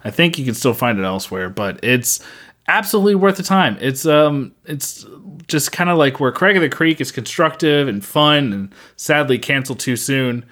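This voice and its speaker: A man's voice: mid-range voice, expressive, normal speed, fairly bright tone. A man co-hosting a podcast in casual chat, rambling with many fillers and restarts. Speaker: podcast co-host.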